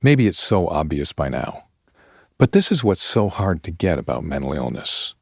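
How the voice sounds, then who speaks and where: A man narrating a podcast story in a measured, scripted storyteller's delivery. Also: rumbling low, big pitch swings, creaky, dry recording, studio quality.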